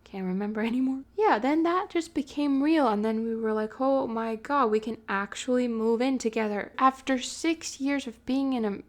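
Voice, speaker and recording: A woman's voice: on the high side, normal speed, few pauses. Chatty young woman telling a story. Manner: chatty, animated, swears and laughs often. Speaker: vlogger. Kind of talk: casual storytelling.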